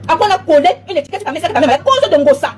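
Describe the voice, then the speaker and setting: A woman's voice: sits high, lively intonation, very fast, a little mellow, a little hiss or hum. A woman, delivering a heated monologue straight at someone, emphatic and taunting, repeating herself. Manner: emphatic, repetitive, taunting, frequent "hein?". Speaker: online commentator. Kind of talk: heated direct-address monologue.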